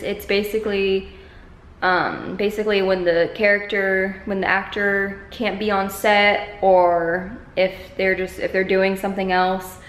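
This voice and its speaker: A woman in her twenties vlogs casually to a camera held at arm's length in a medium-sized living room. Her medium-pitched voice is a bit bright, and the bare room makes the recording echoey.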